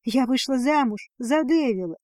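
A woman reading a storybook, voicing a lively young woman who calls out loud and joyful. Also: a little high, slow pace, breathy edge, dry recording, studio quality. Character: lively young woman, the heroine's best friend.

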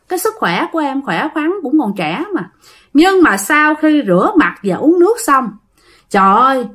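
Southern Vietnamese woman telling a ghost story. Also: a little high. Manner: animated, repeats words for suspense, addresses listeners directly. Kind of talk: retelling a ghost story to listeners.

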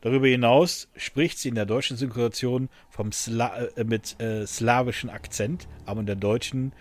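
A podcast host chats loosely on a casual show, full of fillers and restarts and frequent laughter. His medium-pitched voice is steady in tone and moderately paced.

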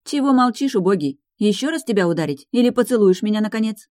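A woman voicing a fiery, quick-tempered young firebird maiden in an audiobook reading, with shrill scolding outbursts. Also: lively intonation, mellow, no room sound, studio quality, close to an everyday voice. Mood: teasing.

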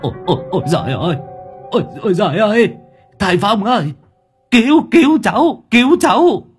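A man doing a loud, drunken cursing driver. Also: fairly low pitch, takes it slowly, soft background music. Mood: terrified. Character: brash drunken potbellied male motorbike-taxi driver.

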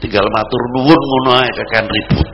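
A man with a Javanese accent preaching a sermon, swinging between loud exhortation and low murmurs. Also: fairly even intonation, brisk. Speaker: Islamic preacher. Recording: dull lo-fi recording with noise.

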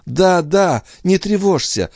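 Brief: a man doing a proud young noblewoman, distraught, high strained voice, dry sound. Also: sing-song, normal speed, a little mellow, no room sound. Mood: anxious. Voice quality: raised pleading voice.

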